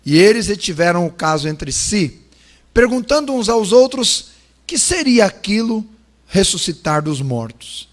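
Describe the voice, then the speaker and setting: A man from Brazil, a pastor, reading scripture and praying in a solemn, measured way that slows and swells on pleas. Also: high voice, big pitch swings. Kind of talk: sermon with scripture reading and prayer.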